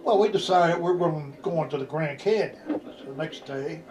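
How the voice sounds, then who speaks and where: A man's voice: on the high side, normal speed, over music, low-quality recording. Older man, grandpa voice, rambling storyteller. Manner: folksy, salty swearing. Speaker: grandfather telling family stories. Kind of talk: casual anecdotal storytelling.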